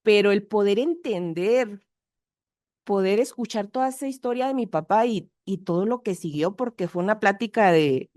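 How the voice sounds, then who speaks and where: A woman with a Mexican accent giving a frank, animated personal testimony at a twelve-step meeting. She acts out the people in her story with varied voices and swears now and then. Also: mid-range voice, normal speed, no room sound, clean studio sound. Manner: frank and earthy, with mild swearing. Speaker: speaker sharing her recovery story.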